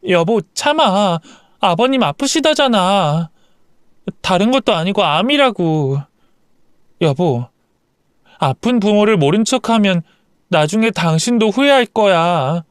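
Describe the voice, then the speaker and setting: A man voicing a gentle young wife who soothes and pleads with her husband, in an audio story. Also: high-pitched, lively intonation, unhurried, smooth, dry recording, clean studio sound. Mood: pleading.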